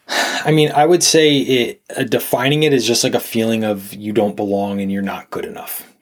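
A man's voice: lowish voice, fairly even intonation, normal speed. A man, a nutrition coach guest on a podcast, talking casually and rambling with lots of fillers and restarts.

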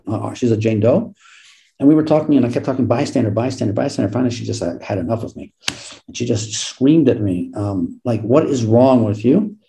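A middle-aged American man, an author and law professor, answering interview questions with self-deprecating stories and lively quoted dialogue. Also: medium pitch, vocal fry, rough recording. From United States.

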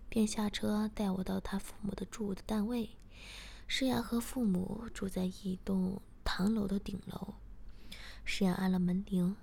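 A woman narrating a first-person story at a mid pitch, half-whispering much of it. Her voice carries a gravelly texture throughout. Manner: soft, half-whispered reading. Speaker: story reader.

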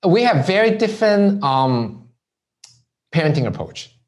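A man who grew up in Hong Kong, appearing as an entrepreneur guest in a conversational interview, has a high-pitched voice and a measured pace. He relates his story casually, often asking "right?"

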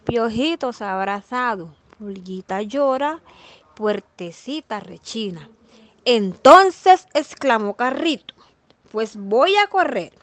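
A woman with a slightly high voice reads a children's fairy tale aloud. She is expressive and lands the repeated lines with a steady, rhythmic cadence, as a storyteller for young listeners. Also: slow pace, dry recording.

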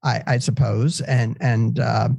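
Slow and fairly even in intonation, this American man's mid-range voice is gravelly, darkish, and slightly rough, with his nose stuffed up from allergies. As a podcast host, he leads a relaxed, jokey, meandering conversation with a co-host. There's no echo.

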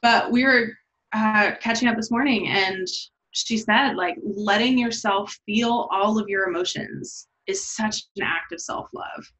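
A woman's voice: mid-range voice, a little slow, a bit bright. Candid, swearing woman in casual chat. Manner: candid and profane, says "like" often. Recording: slightly dull lo-fi sound.

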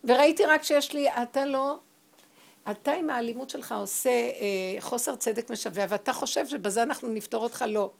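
Animated, gravelly-voiced middle-aged woman. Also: fairly high pitch. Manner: animated, emphatic storyteller. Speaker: spiritual teacher. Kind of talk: spiritual talk with personal storytelling.

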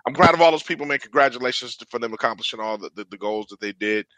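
Bright, dry-sounding man co-hosting a podcast. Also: medium pitch, animated, rapid-fire, no room sound. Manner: earnest, conversational, fills with "man" and "you know". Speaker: podcast co-host. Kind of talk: casual sports talk.

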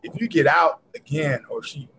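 Animated man explaining as a defense lawyer. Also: a little high, normal speed, a little hiss or hum, poor audio. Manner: animated, repeats words while explaining. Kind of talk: casual podcast chat.

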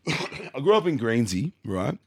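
A man's voice: mid-range voice, very animated, slow pace, creaky, breathy edge, no echo, clean studio sound. A young Australian man from Melbourne, chatting casually as a podcast guest in a joking, slangy, sweary way. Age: young adult. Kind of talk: casual chat.

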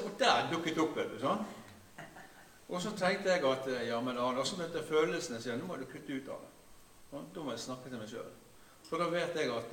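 An older man in his sixties, speaking, delivers a sermon in a chatty, halting way and often drops to a soft, low voice. His tone is bright and forceful. He sounds a little distant from the mic, in a room that echoes, with faint background noise. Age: 60s. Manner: conversational preaching with many hesitations, often dropping to a quiet low voice. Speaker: pastor.

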